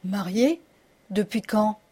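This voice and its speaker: A woman's voice: mid-range voice, takes it slowly, dark tone, breathy edge. A woman voicing an impatient, anxious king in an audiobook. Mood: urgent. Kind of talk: audiobook reading.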